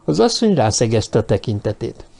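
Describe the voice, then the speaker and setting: Calm guy reading an audiobook, mellow voice, steady. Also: mid-range voice, creaky. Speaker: audiobook narrator. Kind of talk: scripted narration.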